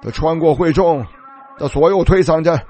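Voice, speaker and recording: A man preaching a fervent sermon, retelling scripture scenes and rising to shouts. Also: a little high, normal speed.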